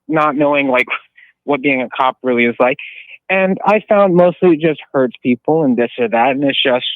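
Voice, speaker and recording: A man's voice: a little high, no echo. Man ranting over a tinny phone line. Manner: rambling, heated, jumps between thoughts. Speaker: caller. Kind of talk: call-in radio rant.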